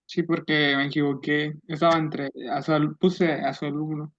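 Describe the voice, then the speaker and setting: A man's voice: on the high side, little pitch movement, normal speed, a bit bright, dull audio. A male student on a video call giving short, hesitant answers to his teacher.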